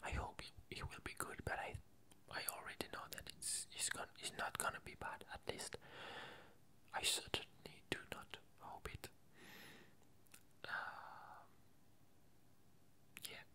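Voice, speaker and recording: An ASMR video creator whispers slowly in a bright tone, chatting casually and rambling. The delivery is hesitant and halting, with frequent self-corrections.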